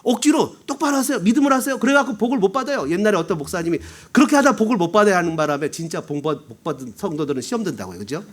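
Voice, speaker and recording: Animated high-voiced male pastor preaching. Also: racing, hardly any pauses. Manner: lively storytelling, acting out quoted voices with humorous asides. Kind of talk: Sunday sermon. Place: church sanctuary.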